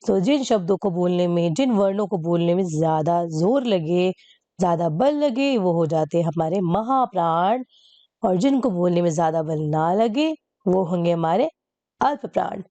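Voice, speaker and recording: A woman's voice: fairly low pitch, expressive, moderate pace, warm tone, no room sound. A woman teacher patiently explaining a lesson, repeating key points and asking rhetorical questions.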